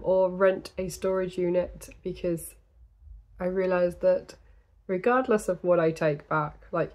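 A British woman in her thirties hosts a crafting podcast from a small indoor room, rambling casually to the camera with lots of ums and little laughs. Her voice is lowish and darkish in tone, and it's going, slightly gravelly.

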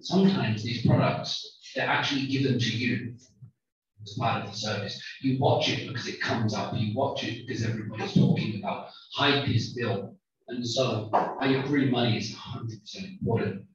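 A man's voice: medium pitch, fairly even intonation, normal speed. A man giving an informal, conversational lecture and discussing points with his audience. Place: small lecture room with audience. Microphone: handheld mic, recorded by far camera. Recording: very echoey room, distant, muffled.

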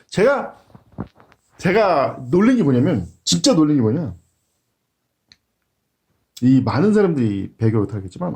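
A man's voice: on the high side, creaky, darkish tone. A man practicing a sermon, blunt and emphatic, using coarse slang and frequent rhetorical questions. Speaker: pastor.

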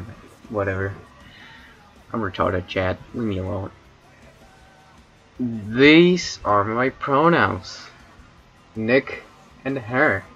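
A man's voice: deep voice, fairly bright tone, highs cut off. A man from Chile with a Chilean Spanish accent, rambling and cracking crude jokes with chat on a casual debut livestream. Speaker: streamer.

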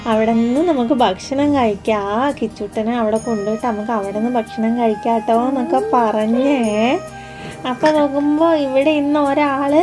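Chatty mother vlogging. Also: a little high. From Kerala, India. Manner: chatty, repeats soft tags like "kettoo"; sing-song baby talk, coaxing questions to her little son. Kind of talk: casual vlog narration.

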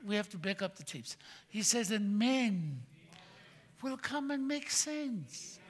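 An older man preaching a sermon from a church pulpit, swinging between loud emphatic bursts and quiet asides. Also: high voice, very animated, slow. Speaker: pastor. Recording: long hall reverb.

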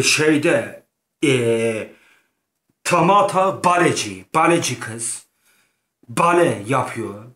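A man's voice: mid-range voice, a bit bright. A man giving casual, playful gameplay commentary, rambling and repeating himself with slangy asides. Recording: roomy echoing room.

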